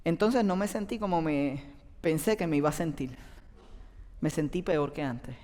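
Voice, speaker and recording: A man's voice: on the high side, normal speed, darkish tone. Guy preaching, talks right to the crowd like a chat, big echoey church hall. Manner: conversational, addresses the audience directly. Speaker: pastor. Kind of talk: sermon. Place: church auditorium with an audience. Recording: long reverb from a large hall.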